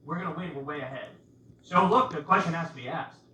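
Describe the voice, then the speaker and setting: A man offers casual political commentary to viewers, hammering away at the same rhetorical questions. He talks quickly in a fairly high, bright, forceful voice, and the recording sounds roomy and distant with faint noise.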